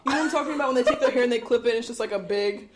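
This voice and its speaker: A woman's voice: a little high, very fast, noisy background. A woman co-hosting a casual book podcast, rambling and giggly. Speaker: podcast co-host. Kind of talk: casual chat about a book.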